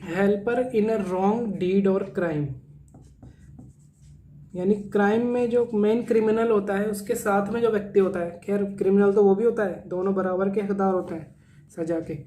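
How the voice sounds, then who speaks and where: A man gives an exam vocabulary lesson, explaining in Hindi and reading English definitions word by word. His voice is mellow and unforced. He spells terms letter by letter and repeats each meaning several times. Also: high-pitched, fairly even intonation, brisk, a little hiss or hum. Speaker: vocabulary teacher.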